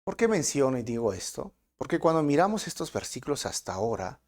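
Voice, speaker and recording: Speaking at a fairly quick pace in a mid-range voice, a man with a Peruvian Spanish accent works through a sermon verse by verse as pastor. He preaches with animation and poses rhetorical questions.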